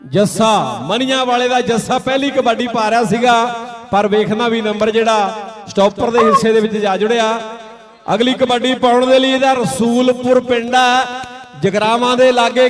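A man with a Punjabi accent giving frantic rural kabaddi commentary, with a crowd around him. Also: very high-pitched. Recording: loud crowd around outdoor microphone.

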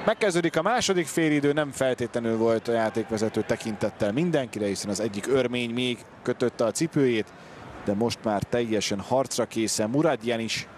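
A man giving excited live football commentary, bursting into shouts of players' names. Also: medium pitch. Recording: loud stadium noise behind the voice. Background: stadium crowd ambience.

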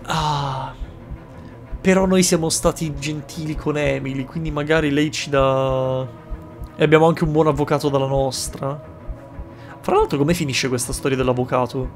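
A man commentating his game playthrough, exclaiming and swearing freely and weighing choices out loud. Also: fairly high pitch, steady tone, normal speed, faint music behind. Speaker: gaming streamer. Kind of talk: excited let's-play commentary.

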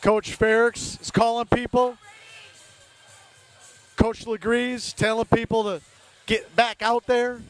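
Very high-pitched man calling hockey. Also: little pitch movement, takes it slowly, long pauses, soft background music. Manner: partisan, rooting for home team; clipped phrases naming players. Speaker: play-by-play commentator. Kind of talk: amateur hockey commentary. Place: indoor ice rink, from the stands.

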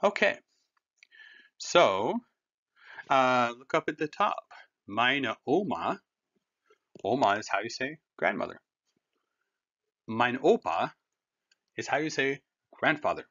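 A man walks learners through a German lesson in a patient, conversational way. His pitch rises and falls animatedly, and the recording sounds dull and lo-fi. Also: big pitch swings, slow, pauses often, fairly bright tone. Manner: patient, conversational, explains with everyday comparisons. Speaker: German teacher. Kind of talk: classroom language lesson.

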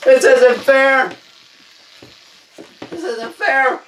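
A drawling comic balloon-blower, as a man puts him on, pitched high and pleading. The voice rings in an echoey room and sits away from the mic. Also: expressive, fairly quick, far from the mic, a little hiss or hum, lightly acted. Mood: panicked. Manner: drawling put-on accent turning to frantic high-pitched pleading. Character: panicky twangy man blowing up a balloon.

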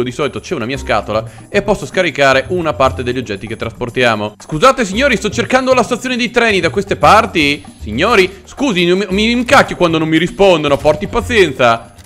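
A man giving live gameplay commentary, excitable, panicking out loud and speaking with mock politeness to enemies. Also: on the high side, a little fast, hardly any pauses, soft background music. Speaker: let's play gamer.

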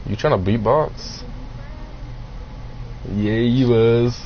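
A man's voice: medium pitch, very slow. A man streaming a video game, bantering and teasing his friends in casual chat. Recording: muffled lo-fi mic with faint hiss.

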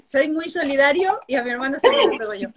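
A woman, hosting a casual chat interview, telling anecdotes in a chatty, animated way. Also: high-pitched, fast talker, a crowd in the background. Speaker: host. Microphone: video call.

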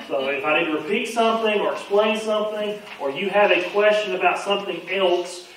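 A male pastor teaching a Bible class in a quick, conversational way, often restarting his sentences. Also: sits high, fairly bright tone, a little hiss or hum. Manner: fast-talking, conversational, repeats his starts. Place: church sanctuary. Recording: very echoey room, voice from far off.

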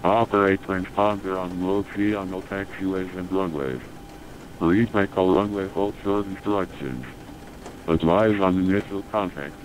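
A man reading an automated airport weather broadcast over the radio in a flat, measured readout of codes and numbers. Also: low voice, noisy background. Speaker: automated airport information announcer.

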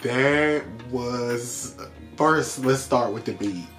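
Sassy American drag queen, slow drawn-out delivery. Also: medium pitch, fairly bright tone. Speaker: drag queen reaction video host. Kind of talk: casual music video reaction. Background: music.

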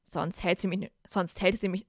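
A woman reading a storybook aloud and voicing a worried young male wizard in a lowered, hesitant voice. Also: steady tone, moderate pace, no echo, clean studio sound, lightly acted. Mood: stammering.

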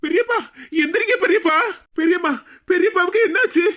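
A voice actor doing a quick, high cartoon nephew. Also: fairly bright tone. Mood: urgent. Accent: Kanyakumari Tamil. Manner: reassuring, urgent. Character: caring young nephew, calm and reassuring. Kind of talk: cartoon voice acting.

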